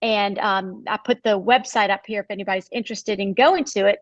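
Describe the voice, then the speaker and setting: A woman's voice: medium pitch, fairly even intonation, brisk, no echo, muffled recording. A female biology professor, giving a recorded slide lecture in a conversational, explanatory way with frequent fillers. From United States.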